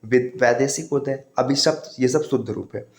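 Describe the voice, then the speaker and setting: A man's voice: mid-range voice, moderate pace, vocal fry, a little mellow. A male teacher giving an online exam-prep lesson, steadily drilling correct and incorrect word forms and addressing students as friends.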